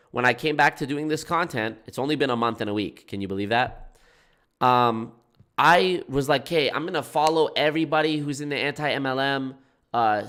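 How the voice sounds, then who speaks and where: His voice is a little high, fairly bright, clear and resonant, though it has a nasal, congested sound. As an anti-MLM YouTuber chatting informally with his livestream viewers, he rambles, corrects himself and restarts sentences again and again.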